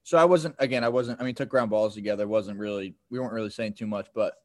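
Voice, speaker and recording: A young man, a pro baseball player, telling animated stories in casual podcast chat over a laptop video call. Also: fairly low pitch, quick pace. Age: young adult. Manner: animated storyteller.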